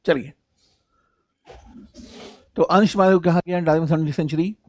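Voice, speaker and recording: A man teaching biology in an online live class, reading English definitions slowly and explaining them in Hindi, calling students 'sahab' and reading their names from the chat. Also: a little high, fairly even intonation, darkish tone, no room sound, studio quality. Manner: addresses students as 'sahab' and 'bachchon', repeats key points.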